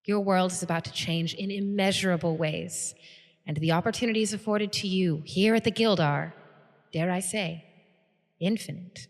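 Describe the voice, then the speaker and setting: A woman's voice: on the low side, fairly even intonation, normal speed, voice pushed up, lightly acted. A woman voicing a grand female guild leader who gives a ceremonious, commanding speech in a tabletop game. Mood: stately. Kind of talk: tabletop game role-play. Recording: long reverb, faint music behind.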